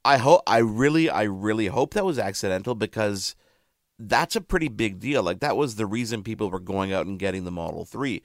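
A man's voice: on the low side, lively intonation, brisk, no echo, clean studio sound. A man hosting a radio show in casual chat, chatty and playful, often interrupting himself.

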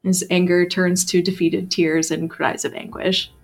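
A woman's voice: lowish voice, level tone, measured pace, creaky, faint music behind. A woman narrating as game master of a tabletop role-playing game.

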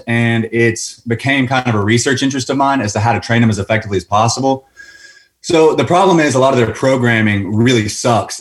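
A man from North Carolina calling in to a show, laying out his background in an eager, casual way before asking a long question. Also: medium pitch. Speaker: caller to a call-in fitness show. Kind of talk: call-in question, casual and detailed.

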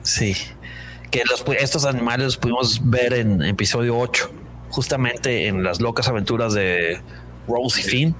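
A man's voice: medium pitch, normal speed, a bit bright, a little hiss or hum. A man co-hosting a comics podcast, adding short comments and asides in casual chat.

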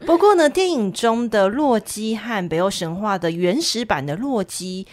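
A woman's voice: medium pitch, lively intonation, moderate pace. A woman with a Taiwanese Mandarin accent who hosts a storytelling podcast, in a friendly, teasing presenter tone. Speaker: podcast host. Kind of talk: casual chat and story introduction.

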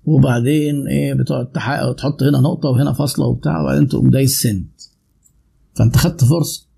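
A man's voice: medium pitch, fairly even intonation, quick pace, vocal fry, mellow, husky. A man in his fifties with an Egyptian Arabic accent, a sales trainer lecturing on sales communication who asks his audience rhetorical questions and answers them himself.

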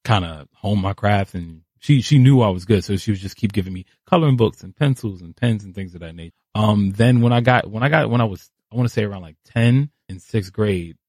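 A man in his thirties from New City, a guest artist telling his story, animated and acting out quoted voices. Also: lowish voice, a little fast, hardly any pauses, slightly rough, dry recording. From New York City. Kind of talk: casual interview storytelling. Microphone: podcast studio mic.

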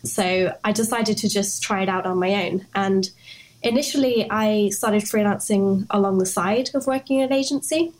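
A woman's voice: medium pitch, normal speed, low-quality recording. A young British woman, a designer and guest on a podcast, talking casually and hedging with fillers. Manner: relaxed, hedging with "sort of" and "um". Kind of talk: casual interview.

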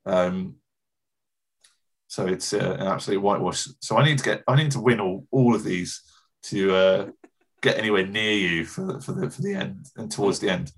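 A man's voice: on the low side, animated, normal speed, breathy edge. A man hosting a casual podcast, chatty and self-deprecating, laughing often. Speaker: podcast host.

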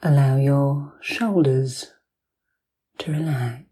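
Woman, mellow soft tone, unhurried pace, near-whisper, soothing sleep-story hypnosis narration, long pauses. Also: rumbling low, slightly rough. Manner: soothing, slow, with long pauses between short phrases. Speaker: hypnosis podcast host.

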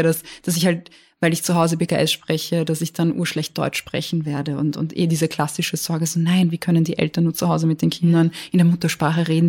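This young adult from Austria is a lawyer chatting openly as an interview guest in a relaxed conversation. Her voice is on the low side and darkish, and she frequently restarts and repeats words.

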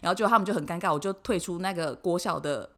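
A woman's voice: fairly low pitch, fast talker. A woman in her twenties with a Taiwanese Mandarin accent, co-hosting a podcast and telling her own story candidly, acting out the lines of the people in it. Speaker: podcast co-host. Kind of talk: casual chat.

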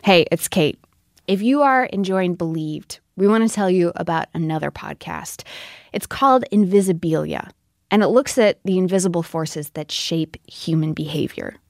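A woman's voice: lowish voice, moderate pace, gravelly, no echo, studio quality. A woman podcast host reading a promo for another show in a friendly, direct way.

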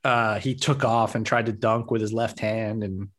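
A man's voice: on the low side, fairly even intonation, moderate pace. A man co-hosting a basketball podcast in casual chat, rambling and second-guessing himself and laughing easily as he talks. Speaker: podcast co-host.

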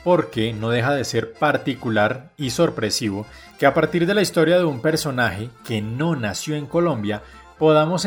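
A man hosting and narrating a documentary segment in a measured, explanatory way. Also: medium pitch. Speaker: program host and narrator.

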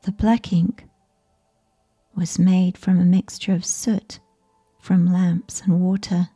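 A woman narrating a bedtime sleep story in a soft, soothing, whispery ASMR voice, breathy and right in the listener's ear. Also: fairly low pitch, flat delivery, faint music behind. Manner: slow, soothing, gentle.

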